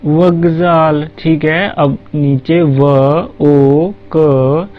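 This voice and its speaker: A man's voice: mid-range voice, fairly even intonation, measured pace. A man teaching a language lesson, patient and step by step, asking questions and answering them himself. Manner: patient, repeats "ठीक है", asks and answers his own questions. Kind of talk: slow spoken language lesson. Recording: dull lo-fi recording with faint music.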